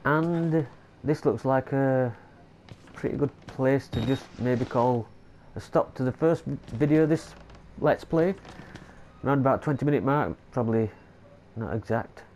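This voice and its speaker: This lo-fi let's play features a male gameplay commentator with a medium-pitched, darkish voice, speaking a little slowly over slight background noise. He's stuffy with a cold, chatting casually about a horror game and tripping on long words as he reads notes out loud.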